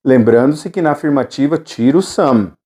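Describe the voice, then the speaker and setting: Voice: medium pitch, lively intonation, moderate pace, dark tone. An English teacher giving a recorded lesson, patiently repeating drill phrases and checking in with the students.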